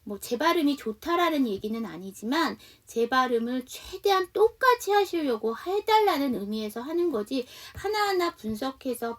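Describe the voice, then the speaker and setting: A woman with a Seoul accent teaching an online English conversation lesson, patiently explaining and slowly modelling sentences. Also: high voice, fairly bright tone, recorded from a distance. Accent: Seoul Korean.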